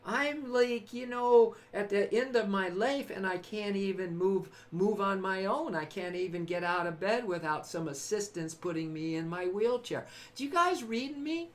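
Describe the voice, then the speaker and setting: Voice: mid-range voice, normal speed, few pauses. A host from California giving a spiritual, motivational live-stream talk. The host laughs often, repeats phrases, and speaks to viewers by name.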